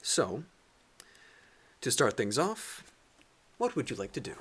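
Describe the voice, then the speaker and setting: A man's voice: medium pitch, very animated, slow pace, a bit bright, slightly rough. A man narrating a tabletop game as game master, describing the scene with frequent fillers.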